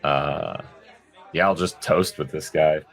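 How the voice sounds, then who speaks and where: A man's voice: very deep voice, steady tone, slow pace, gravelly, a bit bright, some chatter behind. A man playing a tabletop game, joking around and laughing at the table. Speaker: player. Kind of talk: casual chat at a game table.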